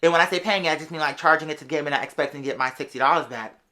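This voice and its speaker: Speaking very fast with a bright, forceful, medium-pitched voice, a young American vlogger spins casual stories for viewers. The delivery is sassy, slangy, and conversational.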